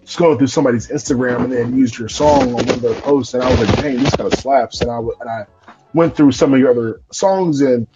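A man's voice: medium pitch, fast talker. A young man from North Carolina hosting a podcast interview, talking casually with many fillers and restarts. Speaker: podcast host. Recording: lo-fi live stream audio with faint music.

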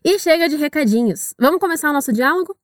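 A woman from Brazil teaching English in a scripted audio lesson, upbeat and encouraging, with slow drilled repetitions. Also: high voice, lively intonation, no echo, clean studio sound.

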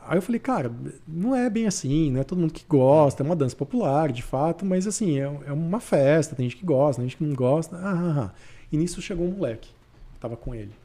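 Fast, husky man telling a story. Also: a little high. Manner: animated, acts out quoted dialogue. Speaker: podcast guest. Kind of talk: casual storytelling.

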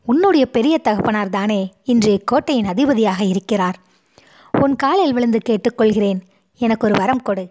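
A distraught young noblewoman from a storybook pleads through sobs, her voice pitched a little high and pushed a touch louder than plain talk, as a woman reads her part. She sounds torn by guilt and begging for mercy. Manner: pleading, sobbing between words.

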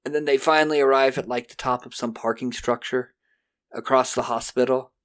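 A man's voice: mid-range voice, fairly even intonation, a little fast, fairly bright tone. A man co-hosting a podcast, casually retelling a film's story and acting out bits of dialogue. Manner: animatedly acts out characters' lines. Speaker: podcast co-host. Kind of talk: casual film recap chat.

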